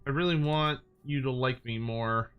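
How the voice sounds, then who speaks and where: A man's voice: mid-range voice, moderate pace, smooth, lo-fi sound. A man giving casual, playful game commentary with wry asides, as a streamer talking to viewers. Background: music behind the voice.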